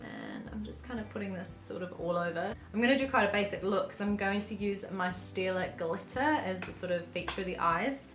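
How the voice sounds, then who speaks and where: A young woman talks her way through a makeup tutorial in a loose, rambling way, full of filler words and asides. Her throat sounds a little croaky. The room is roomy and echoey, with faint music underneath. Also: medium pitch, huge pitch swings, brisk, few pauses. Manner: chatty, rambling, lots of filler likes. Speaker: beauty vlogger. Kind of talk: casual chatty makeup tutorial.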